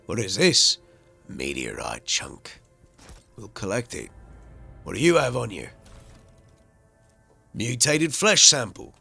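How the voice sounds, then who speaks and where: Brief: gaming host, man, gravelly voice with an animated pitch, excitable commentary, faint game music behind. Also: slow pace, pauses often. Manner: excitable commentary, expressive reading of game text. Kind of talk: game commentary and read-aloud narration.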